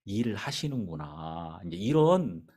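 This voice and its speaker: Lively storytelling male pastor. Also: sits low, measured pace. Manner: animated storyteller acting out dialogue. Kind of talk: sermon with storytelling. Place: church sanctuary.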